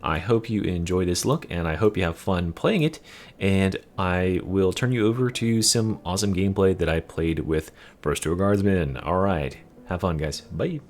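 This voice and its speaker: A man's voice: sits low, moderate pace, darkish tone. A young man giving casual gameplay commentary, explaining a build in a loose, swearing way with lots of fillers. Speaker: game build guide creator.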